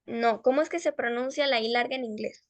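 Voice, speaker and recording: A woman teaching an English class, patiently correcting pupils and slowly drawing out English words. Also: on the high side, no echo. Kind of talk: online class instruction.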